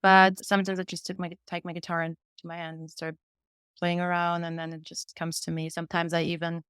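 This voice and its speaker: In a clean studio recording with no echo, a woman speaks in a lowish, smooth, fairly bright voice with a completely flat delivery at a fairly quick pace. She's a German-speaking singer-songwriter from Vienna in her twenties, appearing on a podcast and candidly, earnestly recounting her own story in response to interview questions.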